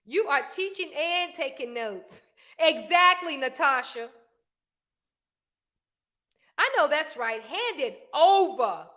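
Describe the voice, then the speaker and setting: A woman's voice: high-pitched, animated, slow pace, long pauses, bright, forceful tone. A woman hosting a live stream, talking emphatically to viewers, reading their comments and preaching a little. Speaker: livestream host.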